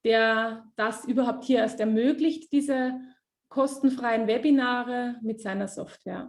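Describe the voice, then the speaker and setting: Over a video call, a woman with a fairly high voice hosts an online webinar and interprets for a guest speaker. She talks fast and lively, full of fillers, restarts and self-corrections.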